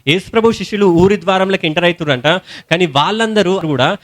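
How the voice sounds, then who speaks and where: Young male preacher, Telangana Telugu accent, high voice, colloquial storytelling sermon. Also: fast. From India. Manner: storytelling sermon in colloquial speech, rising to shouted hallelujahs.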